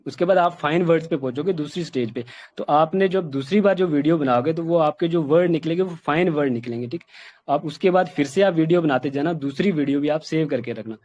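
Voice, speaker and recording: A man's voice: fairly high pitch, fast, a little mellow, muffled recording. A man giving an informal spoken lesson on communication skills, talking conversationally with many fillers. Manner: conversational, repeats "ठीक" often, many fillers.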